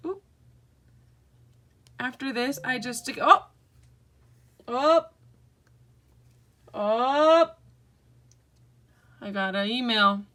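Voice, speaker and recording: A young woman with a bright, slightly high voice talks casually through a tutorial. She rambles with fillers and restarts, sounding like she has just woken up. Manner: chatty and rambling, with fillers and self-corrections. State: just woke up. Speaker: beauty vlogger.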